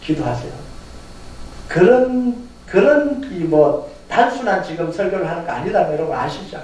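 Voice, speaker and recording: A male pastor preaching a Sunday sermon with animated delivery, chuckling and posing questions to the congregation in a church sanctuary. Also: sits high, normal speed. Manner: animated, talks straight to the congregation with rhetorical questions; chuckles through his points. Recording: echoey hall heard from a distance.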